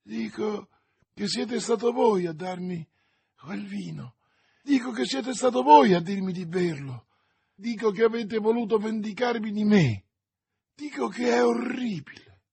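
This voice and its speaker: A dying, poisoned soldier, as a man reads him in an audiobook, husky and anguished, hurling bitter accusations. He speaks slowly in a raised, strained voice. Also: a little high, animated, a little mellow, heavily acted. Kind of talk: audiobook character voice.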